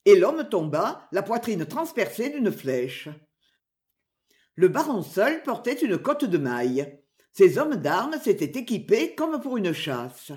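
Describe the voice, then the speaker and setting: A woman narrating an adventure storybook with a dramatic, expressive reading. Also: mid-range voice, takes it slowly. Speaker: audiobook narrator.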